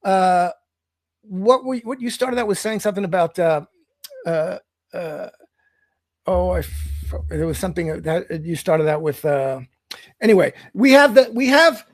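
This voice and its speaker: A man discussing politics in a thoughtful, halting way, often restarting his sentences. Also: sits high, dry recording, clean studio sound. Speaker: writer and commentator.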